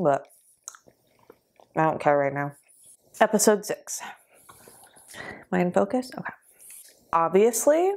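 A woman hosting a reaction vlog, tearful and upset, speaking haltingly and trailing off between heavy sighs. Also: fairly low pitch. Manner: halting, sighing, trailing off mid-sentence. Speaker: reaction video host.

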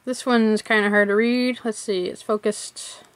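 A woman's voice: fairly high pitch, fairly even intonation, a little slow, clean tone. Chatty woman tasting snacks on camera. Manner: chatty, thinking aloud while unwrapping. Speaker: vlogger. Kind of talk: casual snack-tasting vlog.

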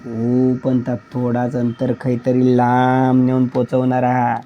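A man voicing a kind, mysterious old male forest guardian spirit who speaks in a calm, reassuring, cryptic way with a Malvani accent. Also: medium pitch, slow, highs cut off, a little hiss or hum, close to an everyday voice. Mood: coaxing.

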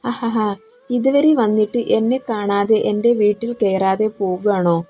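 A woman's voice: medium pitch, steady tone, a little slow, warm tone, close to an everyday voice. A woman voicing a spirited, loyal young woman who speaks firmly and scolds. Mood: cheerful. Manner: firm, scolding.

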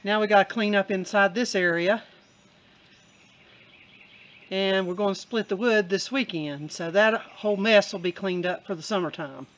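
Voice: medium pitch, moderate pace, long pauses, fairly bright tone, low-quality recording. Easygoing vlogger narrating farm chores. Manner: easygoing, explains step by step with fillers. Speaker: camera operator and co-narrator. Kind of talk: casual vlog narration.

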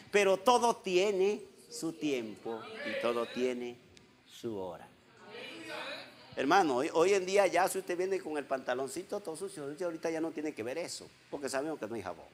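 A man with a Venezuelan accent preaching a sermon, swinging between quiet asides and loud exhortation, with many rhetorical questions. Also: mid-range voice. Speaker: visiting preacher.

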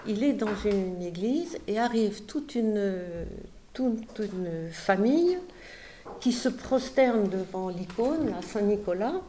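A woman translator presenting a book to an audience, halting and repeating words with many fillers. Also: mid-range voice, lively intonation, mellow, slight background noise. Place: book fair talk.

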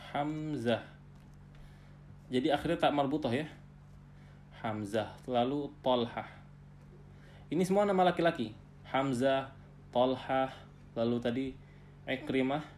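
A man teaching an Arabic class online, patiently explaining terms and often ending phrases with a soft tag. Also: mid-range voice, a little hiss or hum. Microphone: video call.

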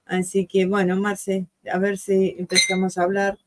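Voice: medium pitch, monotone, normal speed, no room sound. A host chatting casually with viewers about the stream, apologetic and talkative. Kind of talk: casual live-stream chat.

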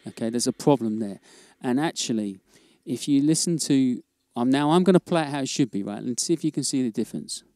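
Relaxed drum teacher, low warm voice. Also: male voice, brisk. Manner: relaxed, repeats words, checks in with "okay?". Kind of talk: casual instructional demo.

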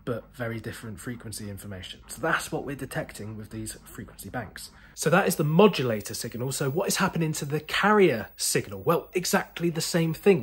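In a museum room packed with synthesizers, a British man in his thirties hosts a video, explaining things to camera with a chatty, enthusiastic energy. His voice sits in the mid range and has a slight roughness.

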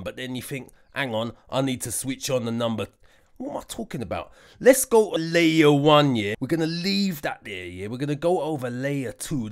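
A man giving a casual music production tutorial, joking around and mocking himself as he goes. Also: mid-range voice. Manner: jokey, slangy, self-mocking.

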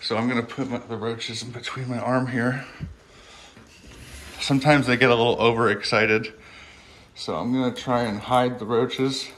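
A man filming himself on a handheld phone camera in a pet room at home, chatting casually and coaching his lizards with a high, coaxing voice. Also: flat delivery, normal speed, pauses often, a bit bright, slight background noise. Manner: chatty, filler-heavy, coaxing pets in a high sing-song voice. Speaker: reptile keeper filming his pets. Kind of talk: casual vlog narration.

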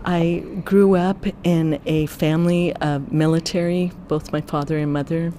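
Interpreter's translation voice-over, measured and steady. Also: medium pitch, a little hiss or hum. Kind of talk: translation voice-over, first-person retelling.

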